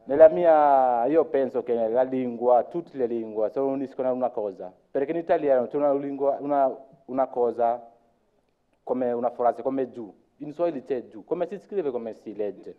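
A Kenyan man with a Kenyan accent speaks haltingly, often stopping to search for the right words and acting out the lines of people he talks about. His voice sits at an ordinary middle pitch. The recording is thin and tinny, almost like a phone line. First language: Luo. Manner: halting, searching for words, acts out what others said. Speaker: conference speaker. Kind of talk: informal talk at a conference.

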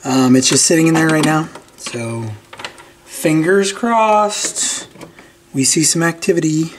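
Taking it slowly in a voice on the high side, a man hosting a repair channel does an informal hands-on walkthrough, thinking aloud as he works. He sits at a cluttered indoor workbench; steady, clear background noise with clicks runs throughout.

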